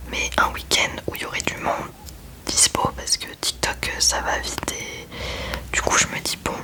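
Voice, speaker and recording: A young woman whispering casual ASMR chat into a close microphone while doing her makeup at home, chatty and self-mocking. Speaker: ASMR creator.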